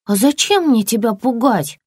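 A woman's voice: a little high, animated, normal speed, a little mellow, breathy edge, no echo, studio quality, voice pushed up. A woman voicing a friendly young male puppy in a children's story, eager and yelping.

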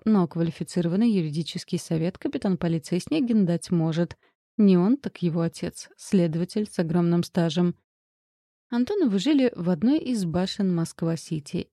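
A woman reading an audiobook in an even, wry storytelling manner. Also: lowish voice, no room sound, studio quality. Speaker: audiobook narrator. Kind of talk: scripted narration.

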